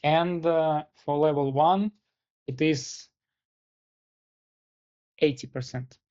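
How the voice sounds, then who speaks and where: A man conducting a formal case interview, speaking deliberately and pausing often in mid-sentence. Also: a little high, darkish tone, muffled recording.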